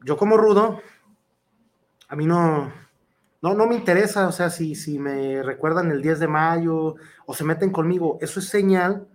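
A professional wrestler with a Mexican accent answers interview questions earnestly, rambling with lots of fillers and restarts. His voice is a little high and his delivery unhurried.

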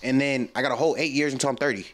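A man's voice: medium pitch, fairly even intonation, rapid-fire, a bit bright. A man in his early twenties chatting casually as a podcast co-host, rambling with lots of fillers. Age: 20s. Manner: rambling, filler-heavy, restarts often. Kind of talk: casual chat.

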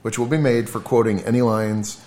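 A man co-hosting a casual podcast, setting out the evening's plans in a dry, deadpan way. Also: lowish voice, normal speed. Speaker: podcast co-host. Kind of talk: casual chat.

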